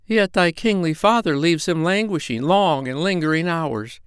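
A man's voice: on the high side, moderate pace, clear, resonant tone, no room sound, pitched above the performer's own voice, natural voice. A man voicing a clever, scheming female parrot who whispers urgently and puts on a lofty fairy-queen voice. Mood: grand fairy voice. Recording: dry close recording.

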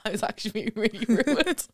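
A woman co-hosting a podcast tells a story in casual chat, animatedly acting out what everyone said and swearing freely. Her voice is fairly high-pitched, at a moderate pace.

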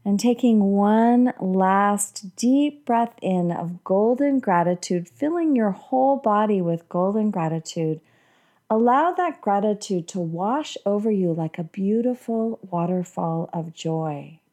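A woman leading a guided breathing meditation in a calm, meditative, soothing tone. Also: mid-range voice, slow pace. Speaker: podcast host and guided meditation leader.

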